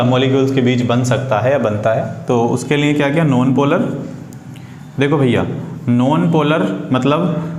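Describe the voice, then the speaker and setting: Teaching students at a board, this man speaks with an Indian accent in a darkish, fairly high-pitched voice, casually going over science, asking questions, and repeating the main phrases. Faint background noise and echo fill the room.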